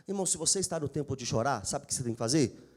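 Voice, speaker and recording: A man's voice: medium pitch, expressive, very fast. A Brazilian man preaching a sermon to his congregation as pastor, emphatic and speaking to them directly. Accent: Brazilian Portuguese. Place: church sanctuary.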